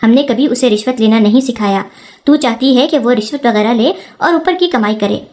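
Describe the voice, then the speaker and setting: A woman's voice: fairly high pitch, darkish tone, close to an everyday voice. A woman voicing an angry mother-in-law who scolds harshly while defending her son.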